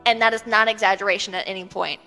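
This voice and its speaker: A woman co-hosting a podcast, chatting casually and animatedly with plenty of "um"s and "like"s. Her voice is bright and sits mid-range, and it rings with a long reverb. Faint music plays underneath. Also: mid-range voice, fast. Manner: chatty, animated storytelling with many fillers. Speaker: podcast co-host. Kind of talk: casual chat.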